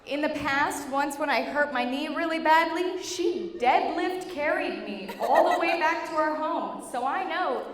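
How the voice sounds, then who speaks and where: A young woman with a high voice delivers a funny maid of honor speech at a slow, deliberate pace. She tells her jokes in an animated storytelling way. The sound is echoey, with noticeable noise in a big room. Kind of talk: humorous prepared wedding speech. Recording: echoey reverberant hall with clear noise.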